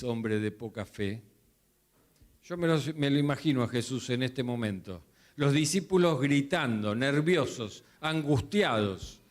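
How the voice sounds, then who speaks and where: A man preaching a sermon, telling the story vividly and acting out the voices in it. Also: a little high. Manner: storytelling, acting out the disciples' cries and Jesus' replies. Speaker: pastor.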